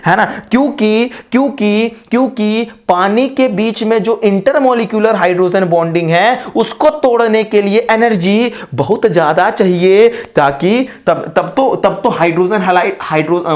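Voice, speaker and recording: Hurried Indian male chemistry teacher. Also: sits high. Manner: talks through questions in a student's voice, asking and answering himself; rushed, repetitive explaining with informal asides. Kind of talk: online exam-prep lesson.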